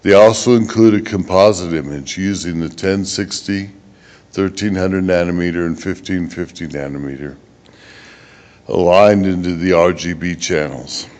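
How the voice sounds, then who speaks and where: A male researcher gives a technical conference presentation in a measured, halting manner, stumbling now and then. He has a low voice with a darkish tone.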